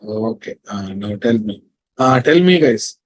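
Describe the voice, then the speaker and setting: This programming instructor, a man with a Telugu Indian English accent, gives a classroom lecture in a lowish voice that's animated and a little slow. He repeats himself and keeps checking that his listeners are following.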